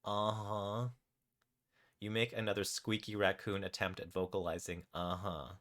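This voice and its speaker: A man's voice: sits low, fairly even intonation, a little fast, fairly bright tone. A man streaming live, reading his interactive fiction story aloud in a laid-back way, with casual asides about the poll results. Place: home streaming setup.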